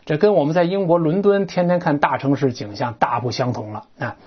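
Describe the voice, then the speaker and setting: A woman's voice: deep voice, steady tone, fairly quick, breathy edge. A woman teaching an English textbook lesson, explaining words and grammar with chatty asides and rhetorical questions. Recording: dull lo-fi recording.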